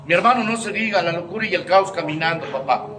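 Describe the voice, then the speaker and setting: Mexican man, high voice, emphatic slang-heavy recovery testimony; distant mic in an echoey room. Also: fast, background noise. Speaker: speaker sharing his recovery testimony.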